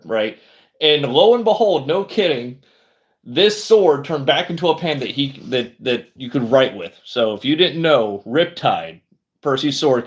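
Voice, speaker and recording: A man chatting on his own book stream, rambling through his thoughts with plenty of ums and restarts. His voice sits at an ordinary middle pitch, easygoing and unpolished. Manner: rambling, conversational, many fillers and restarts. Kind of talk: casual livestream chat.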